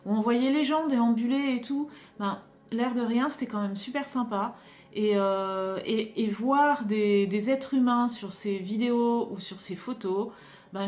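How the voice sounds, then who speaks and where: A woman from France talks casually to her viewers in a home vlog. She rambles, pausing and restarting often, at an ordinary pitch, and her voice rings in an echoey room. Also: darkish tone. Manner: rambling, many filler pauses and restarts. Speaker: illustrator vlogger.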